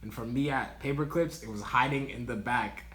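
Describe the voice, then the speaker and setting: A man's voice: mid-range voice, normal speed, a bit bright. A young man casually telling a funny work story, full of "like" and "yo", breaking into laughs as he goes. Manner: laid-back slangy talk, lots of "like" and "yo", laughing as he tells it. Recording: roomy echo.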